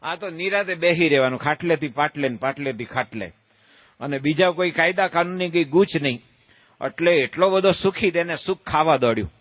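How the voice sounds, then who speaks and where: A man giving a humorous sermon as a monk, telling a folksy story and acting out shouted calls and quoted voices. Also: a little high, a little fast, no room sound, dull audio. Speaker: monk giving a religious discourse.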